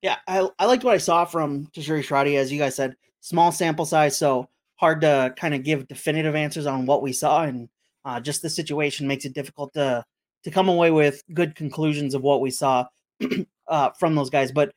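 Higher-voiced American man hosting a sports podcast. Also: moderate pace. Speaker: sports podcast host and match broadcaster. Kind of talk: sports podcast talk with schedule announcements.

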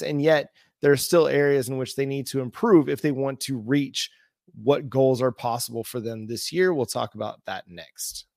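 A man's voice: mid-range voice, dry recording. Dry-sounding man hosting sports talk. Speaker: sports talk show host. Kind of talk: sports analysis commentary.

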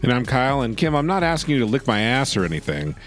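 A man in his thirties co-hosts a podcast from a makeshift home recording space, talking fast in a mid-range voice with faint music behind. His casual recap chat is sarcastic and joking, full of swearing and lively swoops into silly voices.

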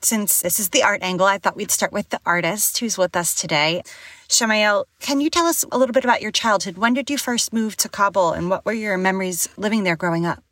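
A woman's voice: medium pitch, brisk, fairly bright tone, no echo. A woman hosting a podcast interview, putting prepared questions to guests.

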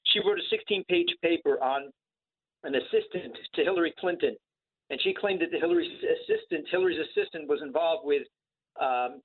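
A man calling in to a radio talk show, heard over the phone, speaking earnestly in halting phrases with fillers. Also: a little high. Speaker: caller. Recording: tinny phone line.

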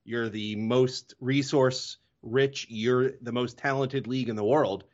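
A man's voice: mid-range voice, steady tone, takes it slowly, darkish tone, dull audio. A man hosting a hockey podcast in casual chat, often correcting himself mid-sentence. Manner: rambling, self-correcting.

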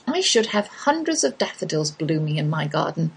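Chatty English woman hosting a podcast, slightly husky. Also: deep voice, very animated, moderate pace. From England. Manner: chatty, homely storytelling with wry asides. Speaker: podcast host. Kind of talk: scripted podcast monologue.

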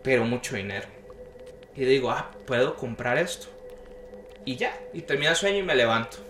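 A man's voice: medium pitch, animated, normal speed, fairly bright tone, soft background music. A young man casually telling a long story about his dreams, acting out the voices of the people in it. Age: young adult. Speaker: podcast guest. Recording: echoey room with faint noise.

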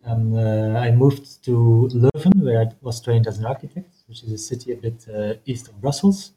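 A young man from northeast Belgium with a mid-pitched voice that sounds very warm and mellow. He introduces himself in a friendly way and uses frequent fillers. There is a little faint noise behind him. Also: normal speed, rough recording. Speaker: postdoctoral researcher, interview guest. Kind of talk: casual interview answers.

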